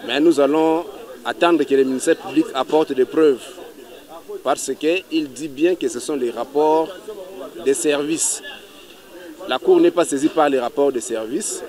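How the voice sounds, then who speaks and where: A man's voice: mid-range voice, a little mellow. A man speaking as a defense lawyer to the press, firm and argumentative. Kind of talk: statement to the press.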